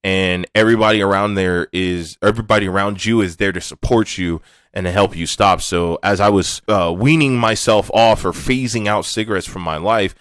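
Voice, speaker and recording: Laid-back man with a low voice. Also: steady tone, normal speed, fairly bright tone, clear, resonant tone, dry recording. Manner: laid-back, candid, swears casually. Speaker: podcast host. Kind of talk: casual monologue.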